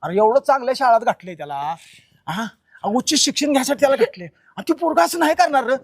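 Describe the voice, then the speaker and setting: A man's voice: very high voice, animated, quick pace, no echo, clean studio sound, exaggerated voice. A man playing a stubborn village father who insists and brushes off accusations in a short film. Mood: defensive. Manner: insistent, dismissive. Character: stubborn rural father denying his son's guilt.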